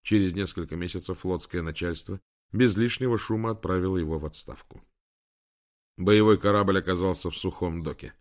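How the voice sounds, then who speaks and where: A man narrating an audiobook in a measured, dramatic way. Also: low voice, darkish tone. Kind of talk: scripted narration.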